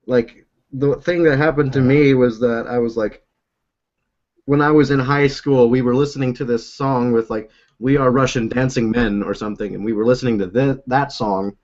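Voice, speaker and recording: A man's voice: mid-range voice, fairly even intonation, moderate pace, darkish tone, lo-fi sound. A young man hosting a casual video call chat, rambling and laughing often as he talks from a room at home. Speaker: host. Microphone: own desk microphone.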